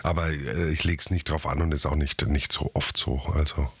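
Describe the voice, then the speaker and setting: A German-speaking musician and cartoonist talks hesitantly on a podcast microphone in a casual conversation, his speech full of fillers and self-doubt. He has a bass voice with a fairly bright, breathy tone, fairly even intonation, and normal speed, with no echo.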